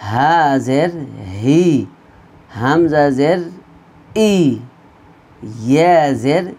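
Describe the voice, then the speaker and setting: Slow, patient man teaching letter sounds. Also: fairly high pitch, a little mellow. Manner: drills letter sounds, repeating pairs for students to echo. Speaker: Quran reading teacher. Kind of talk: slow recorded online lesson.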